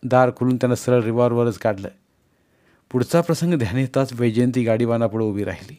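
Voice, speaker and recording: A man reading a dramatic story aloud in a measured, dramatic narration. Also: medium pitch, warm tone. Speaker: audiobook narrator.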